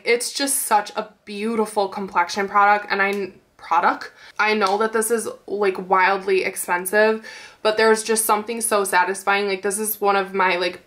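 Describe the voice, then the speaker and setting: A woman's voice: medium pitch, pushed and bright. A young woman with a nasal, stuffy-sounding voice, gushing about makeup in a casual chatty video with lots of fillers. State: stuffy nose. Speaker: beauty vlogger. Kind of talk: casual chatty product review.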